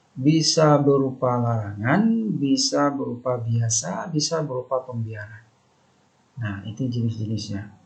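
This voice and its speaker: A man's voice: mid-range voice, gravelly. A man giving a recorded lesson over slides, explaining step by step and often repeating his key phrases. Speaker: teacher. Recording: dull lo-fi recording.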